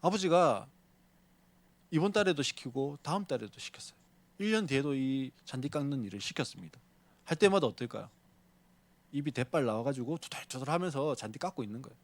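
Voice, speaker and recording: A man's voice: medium pitch, lively intonation, fairly quick. A male pastor preaching a sermon, telling a story and often putting questions to the congregation. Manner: tells a story to illustrate his point.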